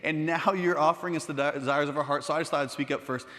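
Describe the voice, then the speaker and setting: A man's voice: on the high side, steady tone, a bit bright, natural voice. A man voicing a humble, eager hag woman who rambles on, heard in an echoey hall. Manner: rambling, rushed.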